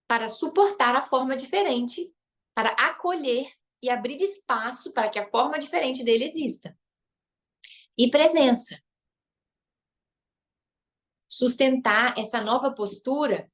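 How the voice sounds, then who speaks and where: Teaching a live online masterclass, a relationship coach and therapist with a Brazilian Portuguese accent speaks at a fairly high pitch. She stresses her points, says key phrases more than once, and ends lines with tag questions.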